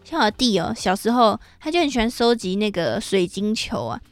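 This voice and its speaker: A woman's voice: medium pitch, lively intonation, a little fast, soft background music. A woman hosting an unscripted solo podcast, talking bluntly and swearing freely and casually. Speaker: podcast host. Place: at home, rain on an awning outside.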